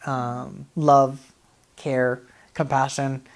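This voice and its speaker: A man, answering interview questions in a friendly, relaxed way, often laughing and pausing with fillers. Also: medium pitch. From Norway. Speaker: guest, dance artist.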